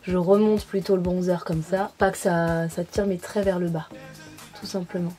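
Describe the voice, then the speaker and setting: A woman's voice: lowish voice, fairly even intonation, moderate pace, dark tone, soft background music. A young adult woman talking casually through a makeup tutorial as a beauty vlogger, with frequent fillers. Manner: chatty, many fillers.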